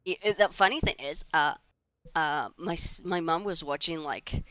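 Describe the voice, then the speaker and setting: Aussie girl in her 20s rambling over a game, bright clear voice, dry close sound. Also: low voice, normal speed, no room sound, poor audio. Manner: rambling and chatty, with restarts and giggles. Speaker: gaming channel host. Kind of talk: casual gameplay commentary.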